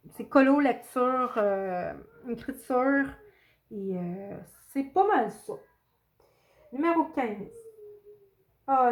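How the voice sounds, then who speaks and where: A woman talks to her viewers in a casual, halting way, stopping often to gather her thoughts. Her voice sits a little higher than most women's. She is quick to apologize and to make fun of herself. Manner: hesitant, pauses often with fillers; self-deprecating and apologetic. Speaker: coloring channel host. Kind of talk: casual chat answering a video tag.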